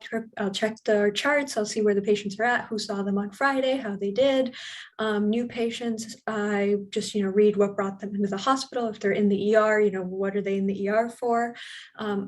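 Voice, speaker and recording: A young woman working as a hospital mental health specialist, talking casually and acting out her conversations with patients and nurses. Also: mid-range voice. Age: young adult. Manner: chatty, acts out dialogue with patients. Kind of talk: casual panel talk.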